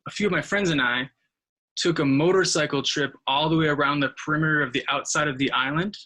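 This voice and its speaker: Relaxed male history teacher. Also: on the high side, quick pace, rough recording. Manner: relaxed, friendly storytelling. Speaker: history teacher being interviewed. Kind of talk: school interview answers.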